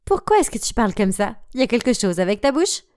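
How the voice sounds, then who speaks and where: A woman's voice: fairly high pitch, sing-song, fast talker, a little mellow. Woman doing a spiteful teen cheer captain. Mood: taunting. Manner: mocking, bossy.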